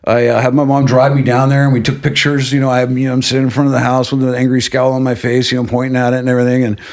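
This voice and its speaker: A middle-aged man, a guest on an interview podcast, telling a personal story in a casual, animated way and acting out what others said. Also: mid-range voice, rapid-fire. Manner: animated, acts out quotes of others.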